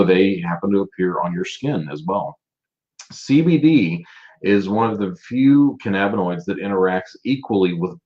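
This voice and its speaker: A man's voice: sits low, a little mellow, lo-fi sound. A man hosting a casual live stream, chatting and greeting viewers by name as he presents. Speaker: livestream host presenting a business.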